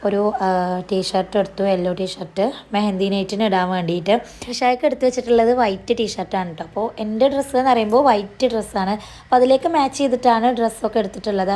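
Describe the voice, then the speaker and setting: A woman's voice: medium pitch, mellow. A woman narrating her shopping vlog in a chatty voice-over, her voice a little strained. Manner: chatty, sprinkles tag particles, talks fast. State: voice strained after losing it. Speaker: vlogger.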